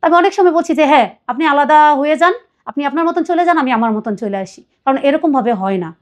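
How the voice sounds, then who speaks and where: High-voiced woman telling a painful story. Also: lively intonation, fairly quick. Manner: earnest, pleading, quotes others at length. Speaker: guest telling her life story. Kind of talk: emotional personal confession.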